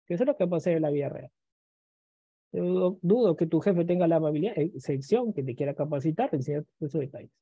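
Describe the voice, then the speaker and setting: A man's voice: a little high, lively intonation, fast talker, breathy edge, no room sound, lo-fi sound. A male computer teacher in a screen-recorded lesson who keeps checking in with listeners and acts out students' questions, then answers them himself.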